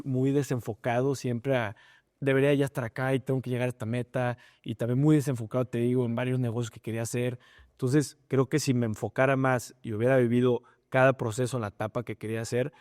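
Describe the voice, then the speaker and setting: A young man with a Mexican accent, a startup founder talking through a relaxed, reflective interview with many fillers. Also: medium pitch, dry recording, studio quality. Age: young adult. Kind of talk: casual interview conversation.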